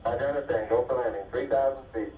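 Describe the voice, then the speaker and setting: A man's voice: medium pitch, fairly even intonation, fast talker. A man giving terse, matter-of-fact callouts over a space mission radio link with beeps. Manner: clipped, matter-of-fact call-and-response. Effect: space mission radio transmission with beeps. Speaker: spaceflight mission crew and controller. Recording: distant, roomy, dull archival radio with faint hiss.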